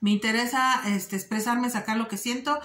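A woman's voice: on the high side, steady tone, moderate pace, bright, forceful tone, echoey room. Earnest woman talking to camera. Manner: earnest, addresses viewers directly, frequent "este" fillers. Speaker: vlogger giving advice. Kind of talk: casual direct-to-camera talk.

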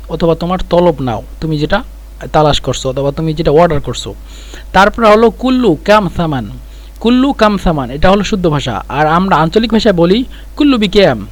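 A middle-aged man teaching spoken Arabic phrases, repeating each one slowly and explaining it word by word. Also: high-pitched. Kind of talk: spoken language lesson.

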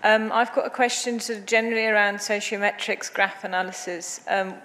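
A woman's voice: medium pitch, fairly even intonation, fairly quick, sharp tone. Articulate woman asking from the audience. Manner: articulate, explaining with an example. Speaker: audience member asking a question. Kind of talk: audience question. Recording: hall reverb.

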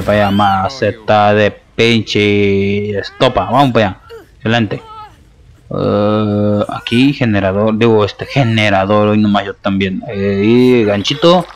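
A man with a Mexican accent commentating his own gameplay live, taunting his opponents with playful trash talk. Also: mid-range voice.

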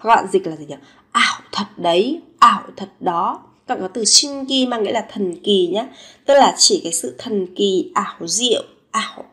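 A woman with a Vietnamese accent teaches a language lesson at a middle pitch. She repeats short everyday phrases slowly and gives each one expressive emphasis.

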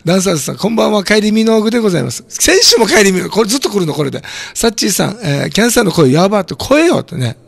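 A hoarse man with a throat cold hosting a community radio show, chatting casually and joking while reading listener comments. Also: sits high, big pitch swings, racing, few pauses, no room sound. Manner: chatty, jokey, reacts to comments aloud. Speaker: radio host.

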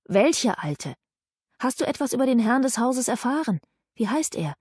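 A woman's voice: on the high side, big pitch swings, normal speed, darkish tone, slightly rough, no room sound, studio quality, voice pushed up. A woman reading an anxious young noblewoman. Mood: urgent questioning. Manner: urgent questioning. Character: young noblewoman, about nineteen, anxious and pressing.

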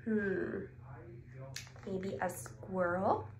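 In a small clinic room, a woman in her twenties who works as a speech therapist brings a picture book to life, her mid-range voice full of exclamations as she asks questions, waits a beat, then answers. Background noise comes through clearly, along with a roomy echo.

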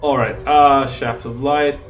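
A man's voice: medium pitch, steady tone, slow pace, soft background music. A man casually commentating on a fantasy role-playing game as he plays. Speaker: gamer presenting a playthrough. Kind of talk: casual game commentary, reading dialog aloud.

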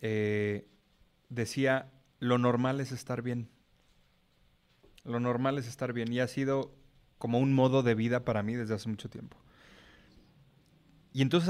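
A middle-aged man with a Mexican accent explains himself frankly in a casual podcast chat. His voice sits in a middle pitch, and he swears now and then without any fuss. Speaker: podcast guest.

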